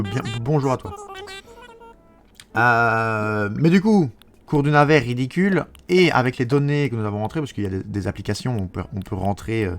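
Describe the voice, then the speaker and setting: A man with a Belgian French accent from Wallonia, chatting live with viewers while playing a game. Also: fairly low pitch. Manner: chatty, answers viewers, thinks aloud. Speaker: streamer.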